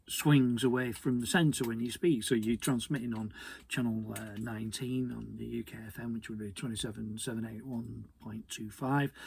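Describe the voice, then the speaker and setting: A British hobby radio presenter gives an informal technical explainer, sounding conversational and hesitant and often repeating words. His voice is husky, gravelly and mid-range, with slight background noise behind it.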